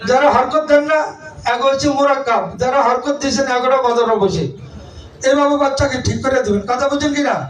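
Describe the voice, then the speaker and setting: Male Quran reading instructor from Bangladesh, very high-pitched, commanding, keeps checking the class understands, heard from across an echoey classroom with students behind. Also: fairly even intonation, quick pace, slight background noise. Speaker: Quran reading teacher training other teachers. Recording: echoey room from far off, with a crowd.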